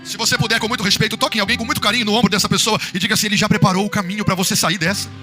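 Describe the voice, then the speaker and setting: A man preaching an impassioned Pentecostal sermon with a Brazilian Portuguese accent, building to shouts and sung phrases. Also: sits high, little pitch movement, rapid-fire, soft background music. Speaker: pastor.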